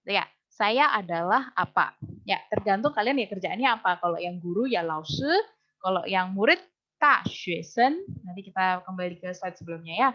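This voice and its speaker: A woman teaching a language class, patiently repeating words slowly for her students. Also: medium pitch, animated, pushed and bright. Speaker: Mandarin teacher. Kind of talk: online Mandarin lesson in Indonesian. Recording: dull lo-fi recording.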